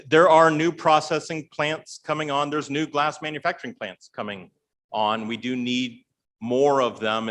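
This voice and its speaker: A man's voice: medium pitch, a bit bright. A man on a panel answering a question, explaining at length and often adding "right?".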